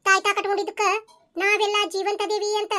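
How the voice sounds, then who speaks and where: A loyal, stubborn cartoon maid. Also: female voice, very high voice, little pitch movement, quick pace, noisy background. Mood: firm. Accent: North Karnataka Kannada. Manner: firm, respectful, dutiful. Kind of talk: cartoon voice acting.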